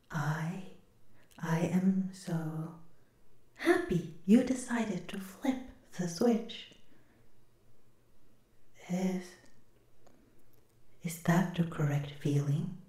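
A woman voicing a gentle cuddle robot new to emotions in an ASMR role-play, speaking hesitantly with careful, formal phrasing. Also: lowish voice, expressive, drawn-out words, pauses often, reverberant. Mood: shyly happy. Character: gentle cuddle robot newly discovering emotions, curious and tender.

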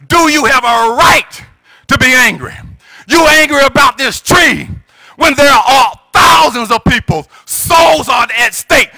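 At the pulpit of a church sanctuary, a middle-aged American pastor delivers an impassioned sermon into a gooseneck microphone, emphatic and exhorting, often rising into shouts. His voice is very high-pitched. The recording is low quality with no room sound.

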